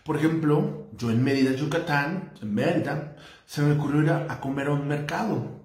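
A man's voice: fairly high pitch, normal speed, a little mellow. A man from Mexico with a Mexican Spanish accent, giving casual, rambling travel tips and often asking "¿no?". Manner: chatty, rambling, tags lines with "¿no?". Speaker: vlogger. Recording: roomy echo.

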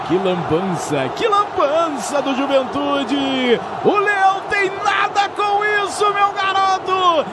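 A man giving live football commentary, excited and colloquial. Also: very high-pitched. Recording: broadcast over very loud stadium crowd noise. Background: loud stadium crowd.

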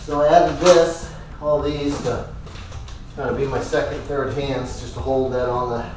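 A man's voice: medium pitch, steady tone, noisy background. Man talking from far off in an echoey garage. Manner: halting, lots of ums and uhs. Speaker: woodworking vlogger. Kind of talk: casual workshop narration. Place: large cluttered home garage workshop. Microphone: far camera.

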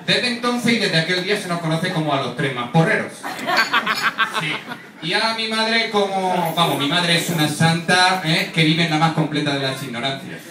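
A man's voice: fairly high pitch, moderate pace, crowd noise. A man from doing a stand-up comedy monologue, teasing the audience with constant tag questions. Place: comedy stage with a live audience. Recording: roomy, distant mic, audience laughter.

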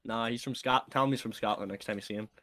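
A man's voice: medium pitch, fairly even intonation, pushed and bright. A man from New Jersey joking around while playing a game with a friend, teasing and bantering. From New Jersey, USA. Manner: joking, teasing, talks fast. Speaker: guest gamer. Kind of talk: casual gaming banter.

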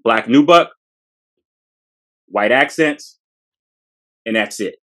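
In a small room, a sneaker podcast co-host in his forties hypes a shoe from his collection, using slang and repeating phrases. His mid-range voice is a bit bright, with lively intonation and a slow pace. A fixed camera records him up close for this casual showcase.

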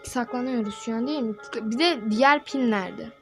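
A woman's voice: a little high, fairly quick, music in the background. A young woman giving chatty, jokey let's-play commentary and talking straight to her viewers. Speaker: gaming video creator.

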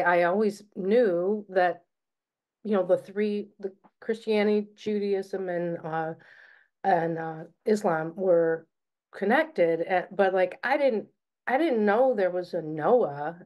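A woman speaking haltingly with many restarts in a casual book club discussion over a video call. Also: medium pitch, darkish tone.

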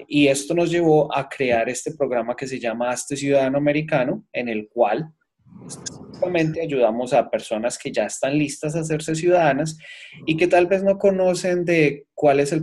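A man's voice: medium pitch, a little mellow. A man with a Colombian accent, an accountant presenting an earnest seminar talk on a video call. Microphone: webcam on a video call.

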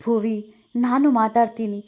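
A woman's voice: a little high, steady tone, measured pace, darkish tone, lightly acted. Woman reading as an anxious young groom. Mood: pleading. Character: young man, anxious then pleading groom.

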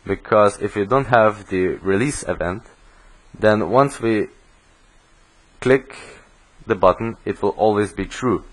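Young male instructor, lowish voice, walks through code in a steady voice-over. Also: slow pace, rough recording. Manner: steady explanatory, self-correcting restarts. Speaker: programming instructor. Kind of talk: screencast coding tutorial.

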